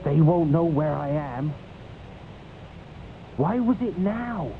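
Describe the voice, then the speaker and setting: A man's voice: on the high side, animated, slow, vocal fry, full character voice. An actor playing a frightened, paranoid man in hiding, who asks nervous questions and laughs uneasily. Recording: tinny lo-fi game audio with hiss.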